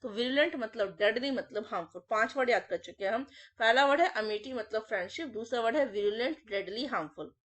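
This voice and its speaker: A woman's voice: fairly high pitch, fast talker, a bit bright. A woman teaching an English vocabulary class, repeating each word and its meaning in drills and calling her students children. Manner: repetitive, drills words in lists, addresses students as children. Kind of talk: classroom vocabulary lesson with memory tricks.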